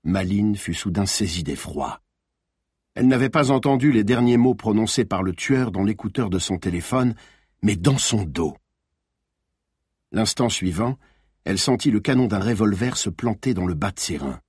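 A man narrating a thriller audiobook in an expressive, dramatic reading. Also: fairly low pitch, moderate pace, slightly rough, no room sound, clean studio sound.

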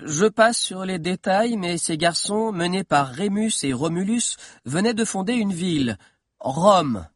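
A man's voice: high-pitched, lively intonation, unhurried, no echo, studio quality, voice pushed up. A man voicing a timid, bespectacled teenage boy historian who lectures nervously, in an audiobook. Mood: storytelling. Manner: nervous lecturing storyteller, growing bolder. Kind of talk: audiobook character voice.

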